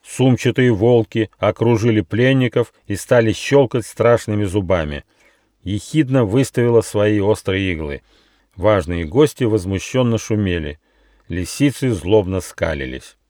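A man reading his own fairy tale as an audiobook, with expressive storytelling. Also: fairly low pitch, unhurried, dry recording. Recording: dry studio audiobook.

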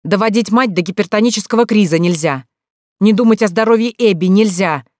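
An audiobook narrator voicing an angry young man scolding his runaway teenage sister, loud and insistent, in a dry recording. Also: medium pitch, moderate pace, husky, no echo, close to an everyday voice. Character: angry older brother, young man, stern and commanding.

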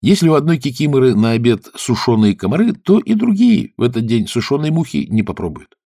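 Gravelly, husky male storyteller. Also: mid-range voice, a little fast, no room sound, clean studio sound. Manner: expressive, hushed at times. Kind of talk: storybook narration.

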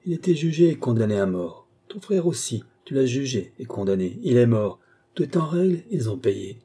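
Brief: defiant, raised-voice woman murderer, harsh and taunting, played by a male reader, husky tone. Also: medium pitch, sing-song, moderate pace, dark tone. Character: bitter, defiant village woman who killed her husband.

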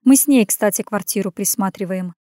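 A woman's voice: mid-range voice, brisk, dark tone, no echo, clean studio sound, close to an everyday voice. A woman voicing a shy but proud young woman who answers back with sulky, teasing replies.

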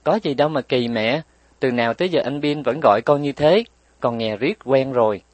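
A man's voice: fairly quick, no echo, natural voice. A man voicing a playful, stubborn little girl who bites her playmates, speaking cheekily in a raised voice. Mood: cheeky. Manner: pleading, cheeky, raised pitch.

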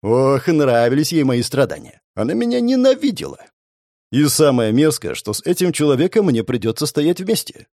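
Animated, lively male storyteller. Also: fairly high pitch, moderate pace, no echo, clean studio sound. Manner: expressive, sardonic, lively storytelling. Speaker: audiobook narrator. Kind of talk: first-person story narration.

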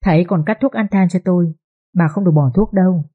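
A woman's voice: lowish voice, quick pace, breathy edge, phone-quality sound. A woman playing a sugary, scheming second wife. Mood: commanding. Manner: falsely sweet, coaxing. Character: scheming second wife, sweet-voiced and cruel.

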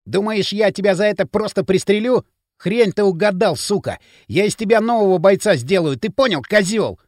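A man's voice: high voice, lively intonation, normal speed, dry recording, clean studio sound. A man playing a raging brutal gang boss. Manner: shouting threats, vicious.

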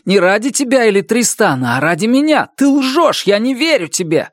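A hoarse, desperate young musician breaks into strained, high-pitched cries, as a man reading the story puts him on. He sounds wracked with guilt. The recording is dry and close, like an audiobook. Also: lively intonation, moderate pace, dry recording. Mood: anguished.

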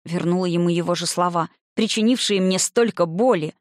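A woman narrating a first-person novel in an expressive, emotional reading voice. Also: lowish voice, a little fast, dry recording, studio quality. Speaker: audiobook narrator.

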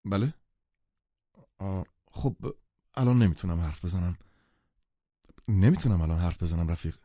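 A man voicing a wealthy, eager man who speaks briskly and insistently in an audiobook. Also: low-pitched, expressive, mellow, slightly rough, dry recording. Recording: dull lo-fi recording.

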